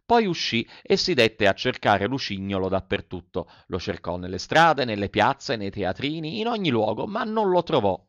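A man's voice: medium pitch, moderate pace, hardly any pauses, no echo. Man reading a story aloud, dry sound. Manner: expressive storyteller, addresses listeners. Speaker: narrator. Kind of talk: scripted narration. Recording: dull, dry recording.

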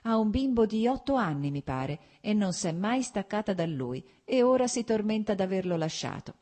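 A doting elderly countess chatters fondly, gushing and slipping in bits of French, as a woman narrator puts her on. Her voice sits higher than the reader's own dark, husky tone, lively and affectionate. It is a storybook voice read aloud. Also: moderate pace. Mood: fond, chatty. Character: elderly Russian countess, fond, chatty mother.

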